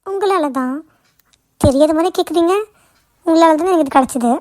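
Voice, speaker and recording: A woman's voice: very high voice, a little fast, a little mellow, no echo. A woman voicing a tearful anxious young woman. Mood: earnest. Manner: pleading, seeking reassurance. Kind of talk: cartoon voice acting.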